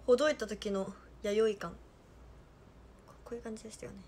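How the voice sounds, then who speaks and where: A woman's voice: medium pitch, steady tone, a little fast, warm tone, slight background noise. A playful young woman with a Hakata accent chatting casually on a livestream as an idol and reading viewer comments aloud. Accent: Hakata dialect.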